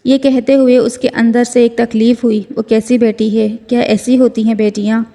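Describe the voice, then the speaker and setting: Female novel narrator, emotional and slow; flat, high delivery with hall echo. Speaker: novel reader. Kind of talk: reading a romance novel aloud. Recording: long hall reverb.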